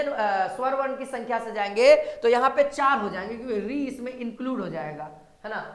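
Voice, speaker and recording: A woman teaching a grammar lesson for exam prep, often repeating her points and calling viewers sir and brother. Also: on the high side. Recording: echoey room.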